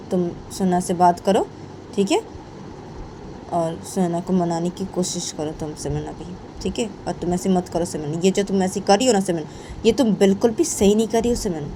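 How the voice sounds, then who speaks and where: A woman voicing a stern middle-aged mother who scolds in a low voice and keeps repeating her daughter's name. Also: lively intonation, normal speed, mellow, slight background noise, natural voice, rough recording. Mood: scolding.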